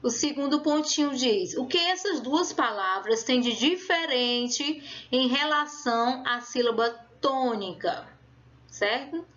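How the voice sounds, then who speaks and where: A woman teaching a class at a distance, walking her pupils through each step and checking often that they follow. Her voice sits fairly high. The recording sounds dull and lo-fi. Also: lively intonation, slow pace, a bit bright. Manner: explaining patiently, checking in with "certo?" and "tá?". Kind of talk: remote class lesson.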